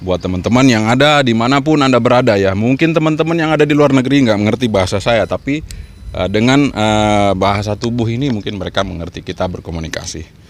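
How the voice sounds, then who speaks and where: A man with a fairly low voice talks fast in an informal instructional vlog. He is an amateur radio vlogger and trainer who encourages his audience and repeats his points as he explains.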